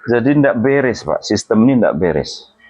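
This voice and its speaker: A man's voice: fairly low pitch, sing-song, measured pace, a little mellow. A man, a therapist chatting during a hands-on treatment, joking and reassuring with frequent religious exclamations. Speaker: healing therapist. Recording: lo-fi, phone-like sound.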